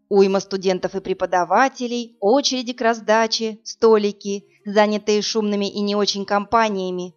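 A woman reading a first-person story aloud as an audiobook narrator, in a lively, expressive way. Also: mid-range voice, lo-fi sound.

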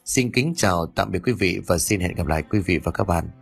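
Husky-voiced man narrating a ghost story. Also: deep voice, soft background music. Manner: dramatic, measured storytelling.

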